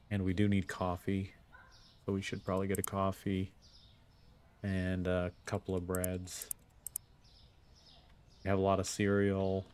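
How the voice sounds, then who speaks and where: In this casual let's play, a gameplay video host thinks aloud in a relaxed mutter as he runs a store management game. His voice sits low and sounds a little mellow, with a clean tone.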